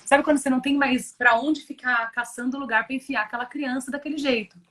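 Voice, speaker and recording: A woman's voice: high voice, fairly even intonation, fast, fairly bright tone. A Brazilian woman giving an earnest, emotional personal testimony in conversation, often restarting and repeating words as she talks. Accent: Brazilian Portuguese. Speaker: guest giving a religious testimony.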